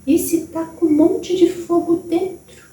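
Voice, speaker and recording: A woman with a Brazilian accent channeling a gentle, wise old grandmother spirit, speaking slowly and soothingly in a motherly tone that drops into whispers, recorded from a distance in a roomy space. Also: very high-pitched, steady tone. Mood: tender. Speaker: spirit medium.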